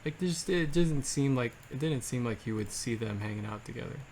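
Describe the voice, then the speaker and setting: Gravelly male stream host, loose and profane chat. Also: mid-range voice, lively intonation, a little fast, a little mellow, a little hiss or hum. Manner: crude joking banter. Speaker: livestream host. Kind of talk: casual chat.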